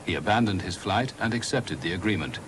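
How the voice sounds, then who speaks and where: Documentary narrator, man, low and lively, noisy old broadcast tape. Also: brisk. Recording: noisy 1980s broadcast audio.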